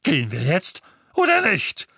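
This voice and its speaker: Voicing a blustering, impatient middle-aged uncle, a man performs in a high, sharp, brisk voice with lively intonation, pitched above his natural voice and heavily acted. The sound is clean studio audio with no echo.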